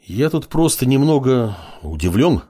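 A man's voice: mid-range voice, sing-song, a little slow, dark tone, pitched above the performer's own voice. A man voicing a distracted young apprentice mage in an audiobook, speaking in a slightly raised voice. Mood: absorbed. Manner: distracted, exasperated. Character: young male apprentice mage, absorbed and irritable.

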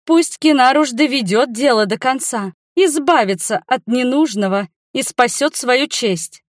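High shrill scheming noble mom, woman doing her, acts all innocent, dry close audio. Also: lively intonation, unhurried, no room sound. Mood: haughty indignant. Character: mother, haughty scheming noblewoman.

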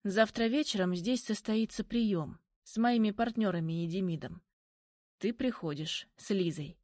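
A woman voicing a powerful older male uncle in an audiobook, speaking in a measured, deliberate way. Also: medium pitch, darkish tone, no room sound, studio quality, close to an everyday voice. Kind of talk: audiobook reading.

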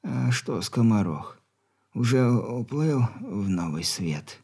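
A man reading an audiobook, voicing a bedridden dying old man who speaks slowly and quietly, breathing heavily in a creaky voice. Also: mid-range voice, sing-song, exaggerated voice. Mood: stern, weary. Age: older. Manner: slow, quiet, weary.

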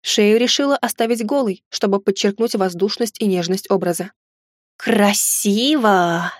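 A woman's voice: medium pitch, no echo. Woman reading a fantasy audiobook, dry. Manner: steady, measured reading. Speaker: audiobook narrator. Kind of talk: first-person fantasy audiobook narration.

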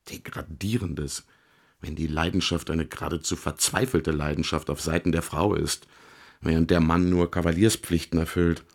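Voicing a troubled ladies' man and artist who keeps justifying himself, a low-pitched actor in a radio play confides in a halting, theatrical manner.

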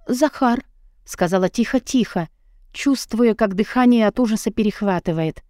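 A woman's voice: medium pitch, moderate pace, warm tone, no room sound. Female audiobook reader, emotional first-person delivery, dry close mic. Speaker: audiobook narrator.

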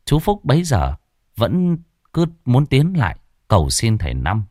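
A man narrating a ghost story in an expressive storytelling manner. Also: medium pitch, unhurried, dry recording, clean studio sound.

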